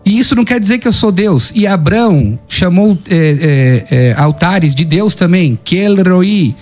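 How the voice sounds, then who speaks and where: Man, slightly high voice, patient Hebrew teacher debating. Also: animated, unhurried, a little mellow, soft background music. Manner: explanatory, argues patiently. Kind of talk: theological debate.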